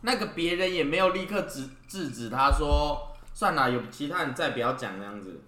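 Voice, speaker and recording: A man's voice: fairly high pitch, expressive, fairly quick, bright, forceful tone, reverberant. A man co-hosting a casual podcast chat, teasing and laughing often. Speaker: podcast co-host.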